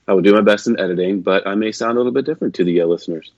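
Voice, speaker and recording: He talks very fast in a fairly low, darkish voice, a male podcast host chatting casually on a makeshift travel rig at a conference. Easygoing and chatty, he relies on fillers and restarts. The dry recording is dull and lo-fi, and his voice comes across slightly robotic and metallic.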